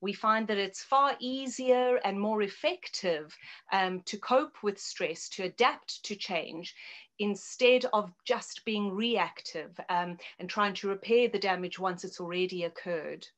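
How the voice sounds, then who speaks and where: A middle-aged woman with a South African accent answers interview questions articulately, explaining things as a guest naturopath and health adviser. Her mid-range voice has a fairly bright tone, and she speaks without hurrying.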